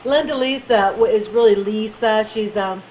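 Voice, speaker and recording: A woman telling a funny personal story in a chatty, animated way, with bits of playful baby talk. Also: medium pitch, moderate pace, phone-quality sound, a little hiss or hum. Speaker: vlogger.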